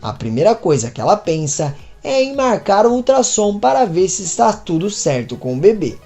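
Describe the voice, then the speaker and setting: A woman narrating a soap opera recap in an expressive storytelling manner. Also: mid-range voice, normal speed, soft background music. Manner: expressive storytelling, asks viewers to subscribe.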